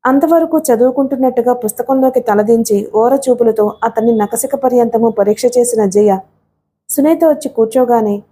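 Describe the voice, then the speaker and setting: A woman's voice: a little high, moderate pace, dark tone, slightly rough. A woman with a Telugu accent reading a novel aloud as an audiobook narrator, voicing the characters' dialogue.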